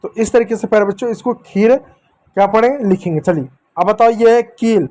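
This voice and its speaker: A man with a high-pitched voice leads a children's reading lesson. He sounds out letters one by one, stretching the syllables, and gently coaxes his young listeners to say the words back to him. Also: moderate pace. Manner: coaxing, addresses dear children, asks them to repeat. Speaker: teacher.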